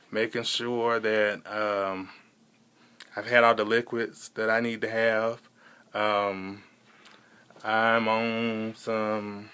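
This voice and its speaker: A young American man speaks in a slightly low but bright, smooth voice. His delivery is casual and halting, as in a personal vlog. He rambles through his account and repeats words to stress them. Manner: halting, rambling storytelling with repetition for emphasis. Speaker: vlogger.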